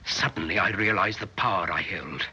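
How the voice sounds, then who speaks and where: An actor playing a power-mad invisible male scientist, with crisp, clearly pronounced old film diction in 1930s film style. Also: low-pitched, normal speed, bright, forceful tone. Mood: grandiose.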